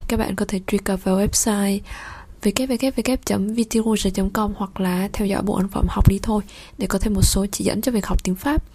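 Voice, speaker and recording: A woman with a Vietnamese accent hosts a podcast lesson for learners of French. She talks in a mid-pitched voice, explaining patiently and pausing often on fillers as she moves between the two languages. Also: steady tone, warm tone, slightly rough. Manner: explanatory, with frequent hesitation fillers. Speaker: French teacher hosting a podcast.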